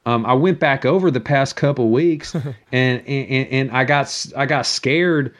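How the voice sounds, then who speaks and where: A man's voice: medium pitch, measured pace, fairly bright tone. A man delivering a rambling, profane comic monologue, repeating words and stammering as he goes. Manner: crude, foul-mouthed.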